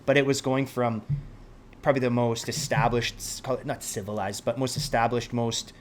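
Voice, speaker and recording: Slight background noise sits behind this Swiss man, a helicopter pilot in an interview, who talks casually at a normal speed. His medium-pitched, steady voice turns reflective, and he often starts sentences over as he searches for the right words.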